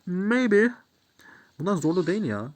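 A man giving chatty, excitable let's play commentary, talking to the game and his viewers and sprinkling in English gaming words. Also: high-pitched, a little slow, a little hiss or hum. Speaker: gamer.

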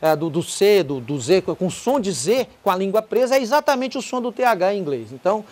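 A middle-aged Brazilian man gives a relaxed English pronunciation lesson. He explains step by step, says each example word slowly and repeats it several times. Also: sits high. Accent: Brazilian Portuguese. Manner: explains patiently, then sings short song lines with a guitar. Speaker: English teacher. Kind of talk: casual video lesson.

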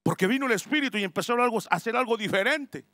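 A male pastor preaching a sermon at a family retreat, emphatic, swinging between loud cries and hushed asides. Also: very high voice, lively intonation, quick pace, dry recording, studio quality. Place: church family retreat hall.

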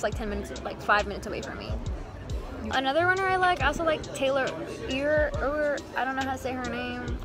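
A young woman hosting a vlog in casual chat, talking into a phone at arm's length outside a cafe. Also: high voice. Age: young adult. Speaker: vlog host.

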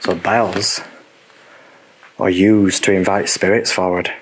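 A man's voice: low voice, flat delivery, slow, a little hiss or hum. A man in his thirties on a ghost-hunting vlog, talking as a paranormal investigator and calling out questions to spirits. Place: large empty indoor rooms at night. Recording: echoey rooms, music underneath. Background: music.

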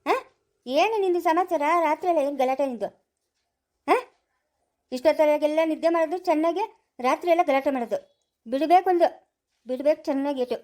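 A busy, chiding mother of the house, played by a woman, talking quickly in a very high voice. Her manner is brisk and scolding, as in a homemade family skit. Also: dark tone, close to an everyday voice.

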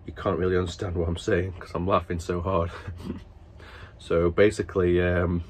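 A man's voice: sits low, level tone, moderate pace, noisy background. A man casually telling a family story to camera, rambling and stop-start, breaking into laughter. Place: at work after dinner.

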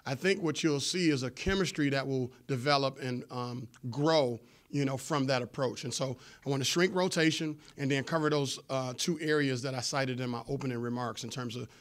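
A man in his forties, a head coach answering postgame press questions in a measured, explanatory way with frequent fillers, seated at a table microphone in a press room. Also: medium pitch. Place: press room before a sponsor backdrop. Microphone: table microphone in front of him.

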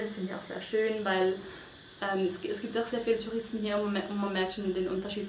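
A young woman from Switzerland answers interview questions in a casual, hesitant way, with many fillers and restarts. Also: mid-range voice. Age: young adult. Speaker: volunteer interviewee. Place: small bedroom indoors. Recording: echoey room with faint noise.

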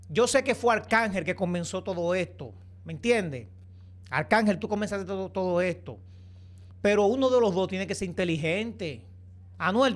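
A man's voice: high voice, fairly bright tone. A man giving opinionated entertainment gossip commentary, lecturing his viewers. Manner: preachy, repeatedly addresses viewers as señores.

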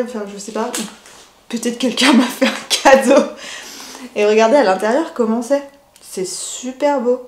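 A woman's voice: on the high side, a little mellow, echoey room, slight background noise. A woman casually chatting through a knitting unboxing, hesitant with many fillers and restarts. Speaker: knitting vlogger.

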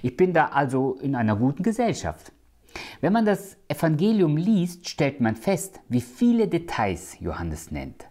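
A man preaching a sermon. He speaks with emphasis, slows down to quote scripture and sometimes drops to a hushed tone. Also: fairly high pitch, huge pitch swings.

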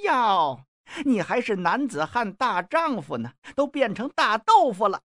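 A ruthless middle-aged noblewoman, as a male storyteller puts her on, mocks and commands in a high, shrill voice. Her lines swing up and down sharply. The sound is dry and close to the mic. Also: sing-song, measured pace, a bit bright, no room sound, exaggerated voice. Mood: scornful, commanding.

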